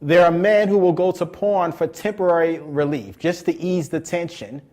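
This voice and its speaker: A man preaching a Bible lesson. His voice sits a little high, and he draws key words out slowly for emphasis. He often repeats and restarts his phrases as he teaches. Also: darkish tone. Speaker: pastor. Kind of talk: sermon teaching.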